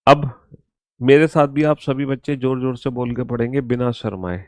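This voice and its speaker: A man teaching an online exam-prep reasoning class, dictating slowly to his students and repeating each instruction. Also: medium pitch, fairly even intonation, no echo.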